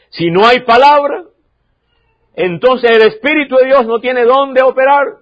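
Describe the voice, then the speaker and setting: A man preaching a sermon as pastor, emphatic, repeating key lines and swinging from loud to quiet. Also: very high voice, lo-fi sound. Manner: emphatic preaching, repeats key phrases, varies loudness sharply.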